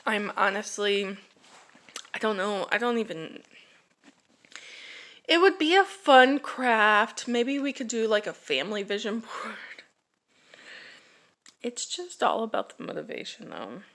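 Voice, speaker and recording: A woman's voice: mid-range voice, very animated, a bit bright. A woman in her thirties chatting casually to camera for her family vlog, rambling with restarts, sighs and yawns. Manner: rambling, halting, yawning, with sighs and laughs. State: drowsy. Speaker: family vlogger.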